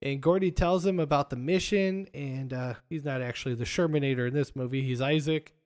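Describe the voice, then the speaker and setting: A man's voice: medium pitch, a little fast, a little mellow. A man hosting a casual podcast, retelling movie scenes and quoting lines with frequent laughs. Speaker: podcast host.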